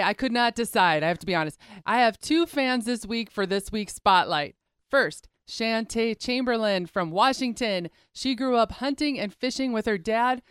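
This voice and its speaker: A woman's voice: medium pitch, smooth, dry recording, clean studio sound. A woman hosting a radio show, chatty and enthusiastic, speaking straight to her listeners.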